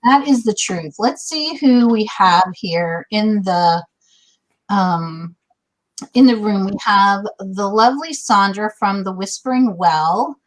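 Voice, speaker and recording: A woman's voice: mid-range voice, slow, poor audio. Gushy chatty woman in her 50s hosting a live video chat, lots of ums. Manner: bubbly, effusive, chatty with fillers. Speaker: host. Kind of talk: casual livestream chat.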